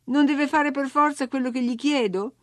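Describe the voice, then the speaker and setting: A woman's voice: high voice, moderate pace, no echo, pitched above the performer's own voice, close to an everyday voice. A woman voicing a spoiled, imperious young girl who gives orders and grows indignant, in a storybook reading. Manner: bossy, indignant, whiny.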